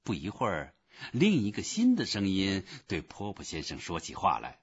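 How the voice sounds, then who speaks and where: A man narrating a children's storybook slowly and very expressively. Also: deep voice, wildly swooping pitch, breathy edge. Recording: dull lo-fi recording.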